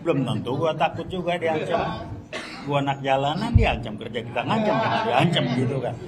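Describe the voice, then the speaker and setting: An older man gives a fiery public speech, blunt, slangy and combative, with sharp bursts of emphasis. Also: mid-range voice, lively intonation, a little fast. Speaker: speaker at a public gathering. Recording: speech with crowd noise behind. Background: crowd noise.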